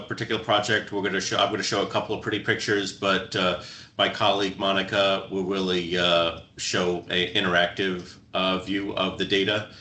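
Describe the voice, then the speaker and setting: A man's voice: deep voice, sharp tone, roomy sound. A man giving a webinar presentation on a video call, talking hesitantly with many fillers.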